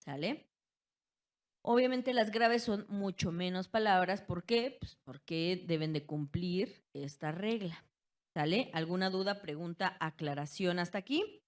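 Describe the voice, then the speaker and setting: A woman teacher with a Mexican accent giving an online class, slowly stretching key words and checking in with her students. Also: lowish voice, expressive. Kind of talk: online class lecture on spelling.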